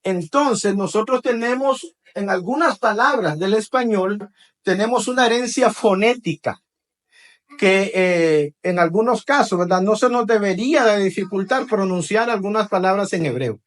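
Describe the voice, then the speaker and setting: A man's voice: sits high, animated, normal speed. A man preaching to a congregation, leading call-and-response and tagging his phrases with "¿verdad?". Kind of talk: teaching sermon to a congregation.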